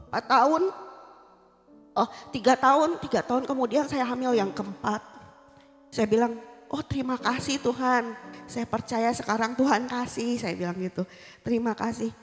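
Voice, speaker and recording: A woman telling her personal faith testimony in a casual, earnest way, often repeating "I said" as she tells her story. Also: on the high side. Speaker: church member giving testimony. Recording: long hall reverb with soft music behind.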